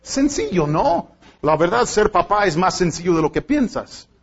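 A man's voice: sits high, very animated, moderate pace, creaky, breathy edge, lo-fi sound. A man pastor preaching a sermon to a congregation in an emphatic style, with rhetorical questions and joking asides. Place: church before a congregation.

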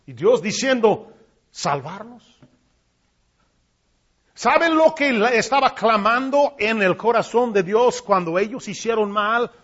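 A man preaching a sermon with passion, rising to loud cries and dropping to hushed tones. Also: sits high, a little slow. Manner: impassioned preaching, swinging from loud cries to hushed near-whispers. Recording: dull lo-fi recording.

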